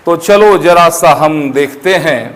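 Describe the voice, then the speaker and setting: A man teaching commerce, dictating terms slowly and putting questions to his students. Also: a little high. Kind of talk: classroom lecture. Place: classroom with students.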